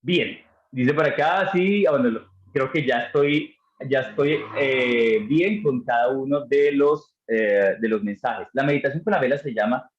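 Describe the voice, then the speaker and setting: A man's voice: mid-range voice, unhurried, hardly any pauses. A man teaching a live online class on mind and meditation, answering chat questions in an encouraging, effusive way, with hesitant fillers as he thinks aloud. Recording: dull, roomy sound.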